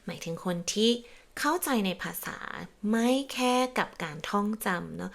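A woman who teaches Italian to native Thai speakers, giving a casual lesson in a gentle, encouraging way and often slowing down for spoken Italian phrases. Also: lowish voice, expressive, vocal fry. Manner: adds a soft confirming particle to many sentences.

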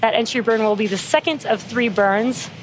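High-voiced woman commentating a launch over noise. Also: moderate pace. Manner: explanatory. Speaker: launch webcast host.

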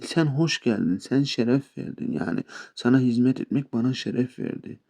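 Male tutor, chatty and playful with his viewers, warm gravelly voice. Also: mid-range voice, normal speed. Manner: chatty, addresses viewers as friends, playful asides. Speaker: English teacher. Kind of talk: casual spoken language lesson.

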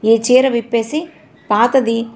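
Brief: woman reader as a soothing young niece, gently coaxing, fairly high voice, storybook narration. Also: steady tone, measured pace. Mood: consoling.

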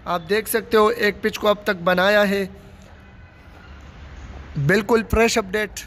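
A man's voice: high voice, steady tone, unhurried, a bit bright, slight background noise. A man from Pakistan narrating a casual walking tour of a large stadium under construction, recorded outdoors on a handheld phone, talking in plain running commentary and repeating his phrases. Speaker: vlogger giving a site tour. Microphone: phone camera held by the speaker.

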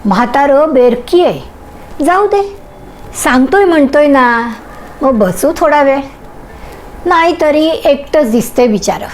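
A woman narrating a short story in a gentle, unhurried way. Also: sits high, lively intonation, slight background noise, rough recording.

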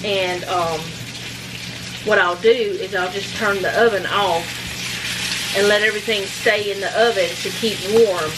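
A middle-aged woman speaks a little slowly in a steady, mid-range voice while cooking supper in her home kitchen. She rambles casually in a cook-along chat, with self-deprecating asides. Heavy background noise surrounds her, mostly loud sizzling from frying food.

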